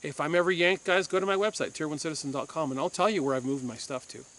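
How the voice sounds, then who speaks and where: A man's voice: fairly high pitch, quick pace, fairly bright tone. A man from Puerto Rico, a former police officer, hosting a firearms channel and giving an insistent opinion monologue to camera, repeating his points for force.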